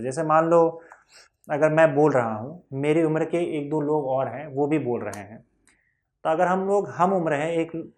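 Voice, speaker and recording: Patient male teacher checking understanding. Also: on the high side. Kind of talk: whiteboard physics lesson.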